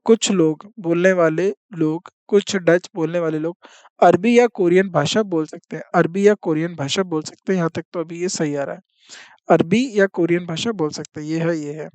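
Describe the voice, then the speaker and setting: A teacher giving an exam-prep lesson who repeats each point, reads statements out slowly and keeps checking in with the class. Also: medium pitch, a little mellow, no echo. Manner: reads out English statements slowly, then explains them in Hindi.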